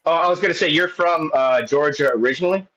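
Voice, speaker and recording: A man's voice: fairly high pitch, fast talker, a bit bright, dull audio. A man in his late thirties, a guest in casual chat, rambling along with many restarts and fillers. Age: 30s.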